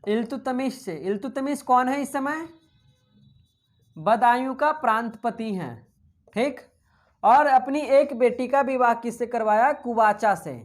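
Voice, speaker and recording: A woman with a fairly high voice teaches a history class for exam prep. She dictates points for students to write down and answers her own quiz questions. Her talk is chatty and loose, with English words mixed in. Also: a little slow. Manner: chatty, mixes in English terms.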